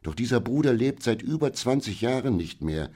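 A man reading an audiobook, voicing an excitable, agitated female housekeeper who pleads in a raised voice. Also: mid-range voice, moderate pace, pitched above the performer's own voice. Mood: excited. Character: excitable female housekeeper companion, middle-aged.

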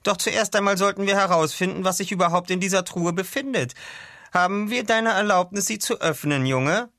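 A man reading aloud and voicing a calm, precise male ship's doctor who explains things carefully. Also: high-pitched, brisk, no echo, studio quality, pitched above the performer's own voice.

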